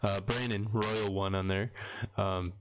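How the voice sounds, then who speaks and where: A young man chats casually on a livestream from his home, the shelves of books behind him. His voice sits a little low, and he rambles easily and laughs often. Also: fairly even intonation, unhurried, slight background noise. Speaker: livestream host.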